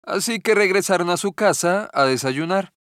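A man narrating a children's fairy tale in a gentle, measured storytelling manner. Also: high voice, lively intonation, no room sound, clean studio sound.

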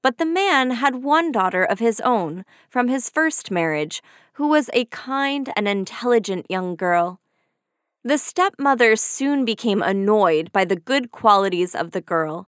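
A woman reading a classic fairy tale aloud in a clear, measured storybook narration. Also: mid-range voice, no room sound, studio quality.

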